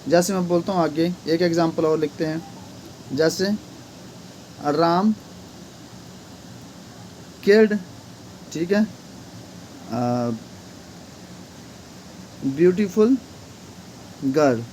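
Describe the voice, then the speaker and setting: A man's voice: on the high side, drawn-out words, pauses often, a little mellow, slight background noise. A man teaching an English grammar lesson, repeatedly asking questions and answering them himself.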